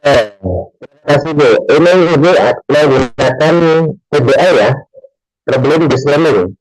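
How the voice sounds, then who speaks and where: A man's voice: mid-range voice, measured pace, rough recording. A man asking short, plain questions as an interviewer over a video call, his voice breaking up on a bad connection. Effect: bad connection, voice cutting out.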